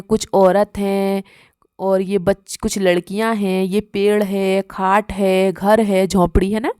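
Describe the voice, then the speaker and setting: A woman teaches a workbook lesson to small children, asking questions and slowly repeating each letter. Her voice sits a little high. The sound is dry and close, with no room echo.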